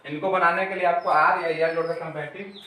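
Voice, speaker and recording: A man's voice: a little high, steady tone, fast talker, sharp tone, a little hiss or hum. A man teacher explaining a grammar lesson step by step, repeating his key terms. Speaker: English teacher. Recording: very echoey room, mic far off.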